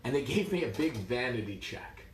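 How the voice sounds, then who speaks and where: A man from New York, a martial arts coach, telling a story in a lively, wry way. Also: medium pitch, normal speed, echoey room, slight background noise. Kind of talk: casual storytelling.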